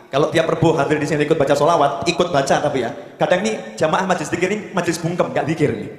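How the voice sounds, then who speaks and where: A man preaching to a congregation, telling stories with lively emphasis. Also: sits high. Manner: animated, quick storytelling with emphatic rises. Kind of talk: religious lecture with storytelling. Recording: echoey hall reverb.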